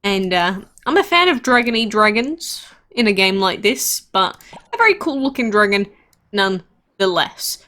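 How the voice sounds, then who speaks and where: A woman's voice: mid-range voice, sing-song, normal speed, pushed and bright. A woman hosting a casual gameplay commentary, chatting about her game with frequent asides and fillers. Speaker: game channel host.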